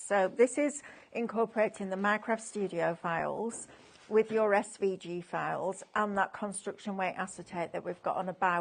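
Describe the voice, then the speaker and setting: A woman demonstrates a craft project on a live shopping broadcast. She explains each step to viewers in a friendly, matter-of-fact way. Her voice is at an ordinary middle pitch. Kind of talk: product demonstration.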